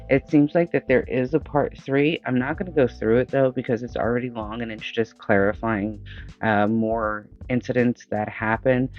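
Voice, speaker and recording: A man hosting and reacting to a story in a relaxed, conversational way. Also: medium pitch. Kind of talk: casual reaction commentary. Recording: dull lo-fi sound with faint music.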